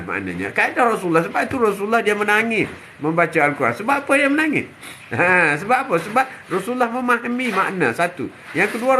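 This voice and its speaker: A man's voice: high voice, bright, forceful tone, a little hiss or hum. An older man giving a short religious sermon. He repeats himself often, keeps saying "ha" between phrases and stretches out his Arabic recitations. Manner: repetitive, punctuated with "ha", drawn-out Arabic recitations. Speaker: religious teacher.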